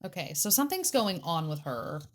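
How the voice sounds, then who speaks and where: A woman co-hosting a casual true-crime podcast, animated, reacting quickly and swearing freely. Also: fairly low pitch. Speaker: podcast co-host.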